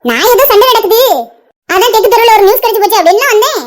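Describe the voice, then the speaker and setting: A woman voicing a shrill, fast, teasing old village granny. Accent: Tirunelveli Tamil. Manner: teasing, stubborn, chatty. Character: cheeky old village grandmother who pesters the young.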